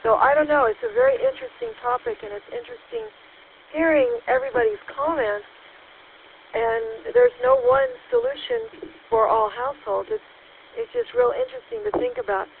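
A woman's voice: extremely high pitch, normal speed, creaky. A woman checking in over a walkie-talkie, answering by call sign and thinking aloud in a rambling way with many fillers. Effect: heard over a walkie-talkie radio. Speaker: caller checking in to a radio net. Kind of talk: radio net check-in chat. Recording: tinny two-way radio with faint hiss.

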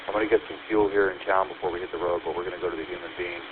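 Deep, flat man over CB radio. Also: very fast. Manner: relaxed, signs off with call sign. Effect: two-way CB radio transmission. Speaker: amateur radio operator. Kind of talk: casual radio chat. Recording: tinny radio line with static.

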